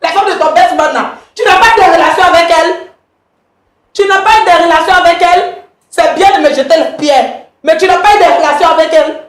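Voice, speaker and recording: A woman guest accusing her husband, repeating pointed questions and breaking into shouts. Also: very high-pitched, brisk, echoey room. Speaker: guest in a couple dispute.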